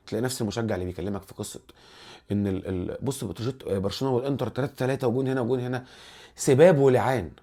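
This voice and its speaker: This football channel host, also Egyptian-accented, has a medium-pitched, slightly rough voice. His casual commentary vlog is animated and meandering, and he frequently restarts what he's saying.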